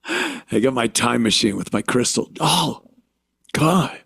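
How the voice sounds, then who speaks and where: A man from the United States hosting a podcast, talking alone in an indignant rant full of halting restarts. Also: mid-range voice, sing-song, vocal fry, fairly bright tone, slightly rough, no echo, clean studio sound. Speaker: podcast host. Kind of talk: podcast monologue.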